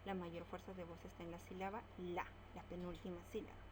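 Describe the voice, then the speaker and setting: A woman teaching a grammar lesson, slowly spelling out words and stressing each syllable. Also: lowish voice, little pitch movement, background noise.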